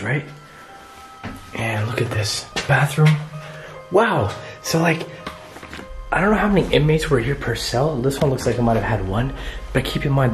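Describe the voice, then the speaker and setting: Holding a camera at arm's length, a thirtysomething man with a mid-range voice narrates a casual first-person vlog as he nervously explores a haunted jail indoors. He exclaims at what he discovers, his words echoing through bare cells and corridors while music plays underneath.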